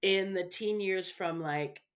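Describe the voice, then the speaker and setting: A woman's voice: on the low side, takes it slowly. A woman talking as a guest in a casual interview, chatty and loose, often tagging her sentences with little asides. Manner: chatty, peppers speech with "you know" and "right". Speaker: guest, parenting speaker.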